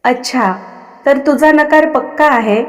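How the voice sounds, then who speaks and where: A woman's voice: sits high, a little slow. A woman voicing an angry, domineering young husband who speaks in a commanding tone, recorded with long reverb. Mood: stern commanding. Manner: commanding, uses royal "we".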